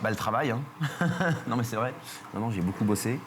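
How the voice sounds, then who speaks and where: A man's voice: mid-range voice, expressive, a little fast, background noise. A middle-aged man from France who runs a surf school, talking in a casual interview, hesitant with many fillers and restarts.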